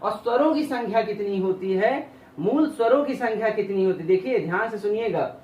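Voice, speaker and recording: A man's voice: high-pitched, a little mellow, slight background noise. Man teaching, distant roomy sound. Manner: drawn-out vowel sounds to demonstrate, asks and answers his own questions. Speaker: Hindi teacher. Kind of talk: classroom lecture.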